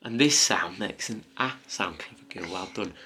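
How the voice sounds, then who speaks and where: A man's voice: sits low, moderate pace, sharp tone. A man teaching a toddler letters in playful, simple talk with coaxing questions and praise, and asides to viewers. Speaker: parent teaching phonics to a toddler.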